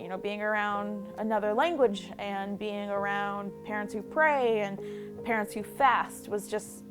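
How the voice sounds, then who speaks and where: A woman in her twenties from the Buffalo area, giving candid, reflective personal testimony for a documentary. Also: mid-range voice. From Buffalo area, New York, USA. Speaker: documentary interviewee. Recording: music bed under the voice. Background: background music.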